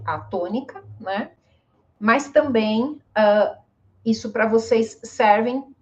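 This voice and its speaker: A woman teacher talks through a pronunciation lesson at an unhurried pace, drawing out each example word. She checks in with her listeners after almost every point. The audio is a little dull and lo-fi. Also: mid-range voice. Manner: patient, drawn-out examples, frequent "né?". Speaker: Portuguese teacher. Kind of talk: casual lesson to learners.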